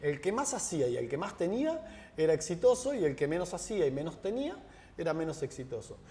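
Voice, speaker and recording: A man's voice: a little high, slight background noise. A man with a Rioplatense Spanish accent, a guest in a conversational interview, telling stories and acting out the dialogue. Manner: animated storyteller, acts out dialogue. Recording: long reverb.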